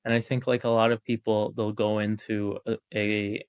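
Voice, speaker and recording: A man's voice: lowish voice, little pitch movement, moderate pace, clear, resonant tone, dry recording. A man hosting a podcast, introducing and questioning his guest in an easygoing way with many "uh"s and "like"s. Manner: easygoing, with frequent "uh" and "like". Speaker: podcast host. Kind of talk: conversational interview.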